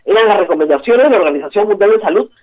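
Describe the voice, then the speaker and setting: A woman's voice: medium pitch, animated, rapid-fire. A woman from Peru hosting a political talk show, giving emphatic, opinionated commentary and repeating key words for stress. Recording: tinny phone line.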